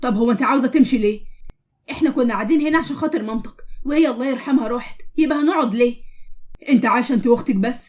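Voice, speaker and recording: A woman with an Egyptian accent voicing a calm, decent young husband who speaks politely. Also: a little high, very fast, close to an everyday voice. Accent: Egyptian Arabic.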